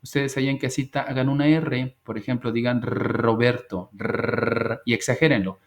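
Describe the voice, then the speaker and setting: A man's voice: mid-range voice, steady tone. A man teaching an English class over a video call, patient and repetitive as he drills pronunciation. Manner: patient, drills pronunciation slowly and repeats words. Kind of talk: online class lesson.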